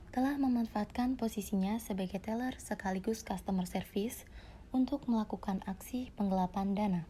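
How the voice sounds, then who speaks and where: A woman acts as a female anchor in a parody newscast. She reads her scripted report formally in a soft, mellow tone. A faint noise sits behind the voice. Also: medium pitch, lightly acted. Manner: formal, read-out delivery. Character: female TV news anchor reporting a fraud case.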